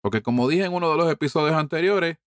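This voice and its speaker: Speaking fast in a slightly high voice, a middle-aged man from Puerto Rico rants through a profane, heated political monologue full of rhetorical questions in a Puerto Rican Spanish accent. The audio is clean studio sound without echo.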